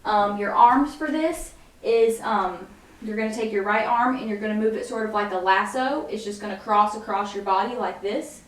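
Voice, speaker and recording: A woman's voice: mid-range voice, normal speed, fairly bright tone. A young woman casually teaching a dance routine step by step, with lots of fillers and sung lyric snippets. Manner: chatty, frequent fillers, sings lyric snippets while demonstrating. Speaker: dance instructor. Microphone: camera mic at a distance. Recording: echoey room, far from the mic.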